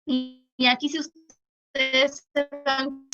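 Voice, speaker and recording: A woman professor giving an online lecture, halting with many restarts, her audio choppy and robotic from a bad connection. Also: high voice, flat delivery. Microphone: computer mic on a video call. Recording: dull lo-fi online call audio.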